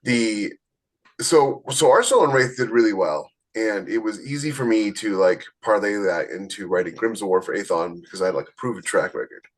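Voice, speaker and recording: A podcast host and self-published author talks in a fairly low voice, explaining things conversationally and without a script, often addressing the listener directly. He speaks casually from his own experience, expressively and a little fast, on a low-quality recording.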